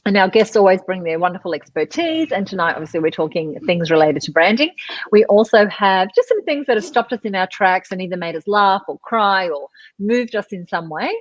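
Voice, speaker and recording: Lively woman hosting an online chat. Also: mid-range voice, brisk, dry recording, muffled recording. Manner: chatty, reads out viewer messages, laughs often. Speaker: host. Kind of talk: live online chat show. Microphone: video call.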